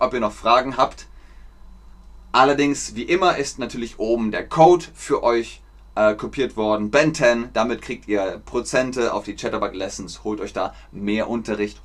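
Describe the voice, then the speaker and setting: A man giving a slow, clear German lesson on a live stream, repeating words for learners and chatting with viewers. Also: medium pitch. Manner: chatty, reads out viewer names from chat. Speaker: German teacher.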